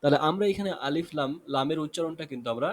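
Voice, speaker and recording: A man's voice: a little high, fast talker. A man with a Bangladeshi Bengali accent teaching an Arabic lesson, explaining patiently and often repeating or correcting himself.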